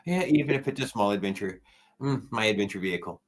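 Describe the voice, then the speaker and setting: A man's voice: fairly low pitch, lively intonation, fast talker. A man chatting casually on his live stream, rambling and often trailing off mid-sentence. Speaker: video creator.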